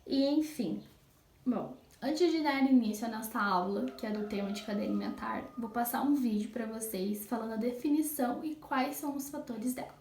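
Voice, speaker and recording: Brazilian female teacher, higher voice affected by swollen tonsils, informal lesson delivery, roomy echo. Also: fairly quick, hardly any pauses. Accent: Brazilian Portuguese. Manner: explains step by step, checking in with tag questions. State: inflamed sore throat, swollen tonsils. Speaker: science teacher. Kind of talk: informal recorded school lesson. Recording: roomy echo, faint background noise.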